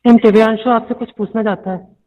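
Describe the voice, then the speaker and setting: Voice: medium pitch, steady tone, quick pace. A student asking a teacher questions during an online class, hesitant and repeating the point. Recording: tinny phone-like line with long reverb.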